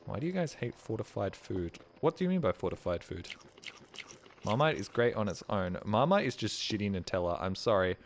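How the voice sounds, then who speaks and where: A man's voice: on the low side, animated, fairly quick. A young man streaming a game, joking, swearing and chatting with his viewers. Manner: joking, sardonic, swears a lot, chats to viewers. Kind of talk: casual live-stream commentary. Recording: noisy stream recording.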